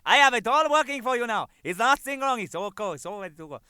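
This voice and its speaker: A man's voice: very high-pitched, expressive, fast talker, pushed and bright, clean tone, no room sound, clean studio sound, pitched above the performer's own voice, heavily acted. A man voicing a breezy Latin American satellite installer, cheerfully reassuring.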